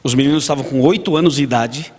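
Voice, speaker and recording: A fast-talking pastor with a Brazilian Portuguese accent and a mid-range, darkish voice preaches in a church hall. He tells stories, plays out dialogue, and asks his congregation questions, with long church reverb behind him.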